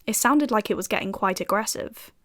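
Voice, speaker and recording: Wry british woman doing a young fbi agent telling her own story, dry jokes, middle pitch. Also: expressive, brisk, fairly bright tone, lightly acted. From United Kingdom. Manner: dry, sardonic asides. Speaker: narrator and lead character, an FBI agent. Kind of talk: first-person audio drama narration.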